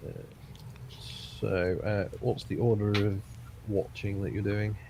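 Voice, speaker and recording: A man running a tabletop game as dungeon master, describing the scene haltingly with many ums and uhs. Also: on the low side, level tone, noisy background.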